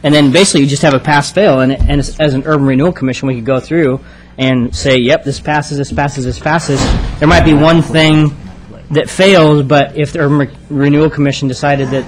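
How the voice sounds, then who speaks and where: A man's voice: fairly high pitch, fairly even intonation, a little fast, poor audio. A man on a city commission explaining a review checklist in a meeting, with many restarts, into a table microphone. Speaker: commission member. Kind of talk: public meeting discussion.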